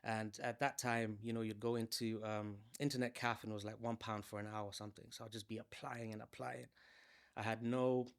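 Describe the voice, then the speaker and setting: A man's voice: fairly low pitch, level tone, a little fast, clean tone. A man in his thirties from Malawi, talking through his career as a salesman in an easygoing, conversational interview. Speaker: guest, salesman. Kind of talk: casual interview storytelling.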